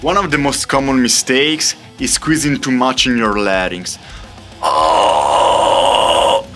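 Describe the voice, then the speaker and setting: A man's voice: medium pitch, lively intonation, normal speed, sharp tone, soft background music. A man presenting a scripted tutorial as an upbeat vocal coach, explaining things step by step. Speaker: extreme vocal coach and singer.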